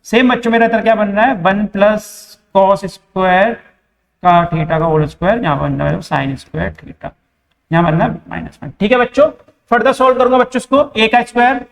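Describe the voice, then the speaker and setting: A man's voice: high-pitched, creaky. A young man teaching a math class with an Indian accent, asking the class questions and answering them himself. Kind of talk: board-exam math lesson. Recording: echoey room with long reverb.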